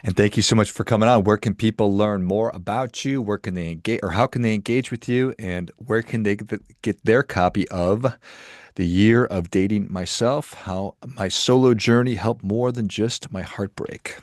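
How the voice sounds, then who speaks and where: Deep-voiced male podcast host, dry sound. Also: normal speed, darkish tone, no room sound. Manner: friendly, affirming, smooth outro patter. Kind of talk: podcast interview.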